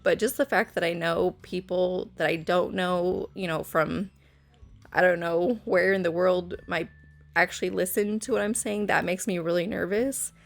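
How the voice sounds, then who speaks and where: Recorded on her phone in her bedroom with soft background music, a young Sims speed build creator chats nervously in a casual voice-over. She rambles with lots of fillers and restarts, her lowish, gravelly voice keeping a steady tone at normal speed.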